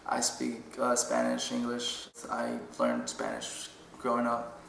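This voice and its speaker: A man's voice: mid-range voice, very animated, takes it slowly, creaky. A man in his twenties, a college student giving short, casual interview answers with hesitant fillers. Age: 20s. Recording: noisy, echoey room.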